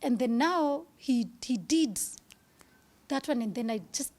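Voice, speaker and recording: A woman's voice: a little high, expressive, unhurried, a little mellow. A woman in her thirties, speaking candidly as an interview guest, earnest and at times dropping to a whisper.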